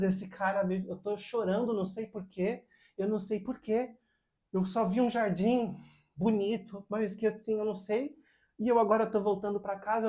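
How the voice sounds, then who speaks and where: A man's voice: high-pitched, dark tone, voice pushed up, lightly acted. Man doing an overwhelmed tearful guy, raised voice, rambling. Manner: raised, breathless, rambling speech.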